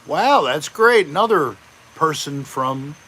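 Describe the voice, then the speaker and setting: A man hosting a casual live chat, greeting viewers by name in a relaxed, chatty way. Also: a little high, slow, husky, poor audio. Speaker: livestream host.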